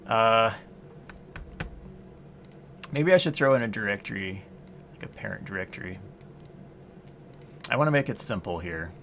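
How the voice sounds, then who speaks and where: This coder in his late thirties livestreams casual chat in a fairly low voice with lively intonation, an unhurried pace, and frequent pauses. His tone is a bit bright over a slight hiss or hum as he thinks aloud, answers viewers, and laughs often.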